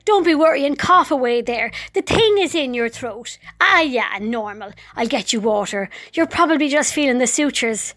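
A woman's voice: high-pitched, expressive, moderate pace, hardly any pauses, fairly bright tone. A woman voicing a breezy, dismissive Irish nurse with an offhand, reassuring manner.

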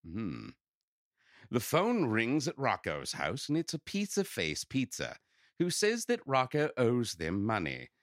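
A man's voice: mid-range voice, wildly swooping pitch, a little slow, a bit bright, no room sound, studio quality. A man hosting a recap podcast in casual, riffing chat, speaking with an incredulous, sometimes profane edge. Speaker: podcast host.

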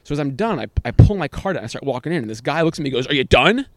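A man's voice: rapid-fire, no room sound. A man hosting a casual podcast, telling stories animatedly on an outdoor deck. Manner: animated storyteller, jumps to high pitch for quoted reactions. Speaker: podcast host. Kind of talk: casual chat.

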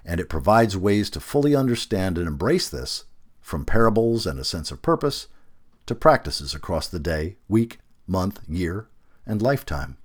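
A man reads a reflective essay aloud as scripted narration, his low voice carrying a sing-song lilt. He phrases things in a measured way and lands his emphasis deliberately.

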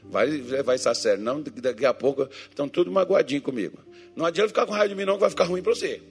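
A man's voice: fairly high pitch, animated, very fast. A man preaching a joking sermon as pastor, teasing his congregation and acting out Bible figures and churchgoers in different voices.

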